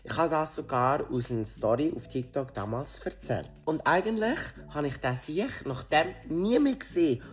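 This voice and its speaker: A young adult with a Swiss German accent tells a personal story straight to camera in a lively, casual way. They act out both people in the conversation, shifting between voices. When indignant, the pitch leaps up sharply. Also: moderate pace, hardly any pauses. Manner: animated, acts out both sides of the dialogue, voice leaps up when indignant.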